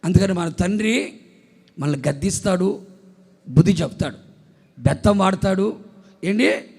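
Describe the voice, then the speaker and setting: High, gravelly-voiced shouting preacher man. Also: expressive, unhurried. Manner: forceful, often shouting emphatic phrases. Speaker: pastor.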